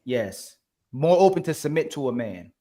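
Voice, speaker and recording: A man's voice: mid-range voice, big pitch swings, moderate pace, dark tone. A man hosting a heated panel debate, explaining his points insistently and repeating himself.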